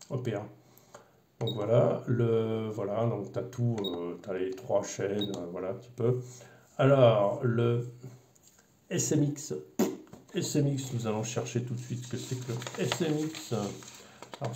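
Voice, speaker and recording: Un homme qui présente et explique une radiocommande de modélisme, sur un ton décontracté, avec beaucoup d'hésitations et de reprises. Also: male voice, mid-range voice, mellow, echoey room, slight background noise. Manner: rambling, many fillers and restarts. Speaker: RC hobby video host. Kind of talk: casual unboxing explanation.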